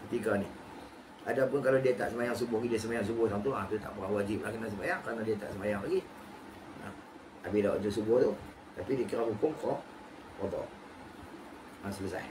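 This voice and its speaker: Religious teacher, repetitive teaching cadence. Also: male voice, lowish voice, quick pace, pauses often. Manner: explains by repeating phrases, asks and answers own questions. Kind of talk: kitab study lecture. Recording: noisy recording with background ambience.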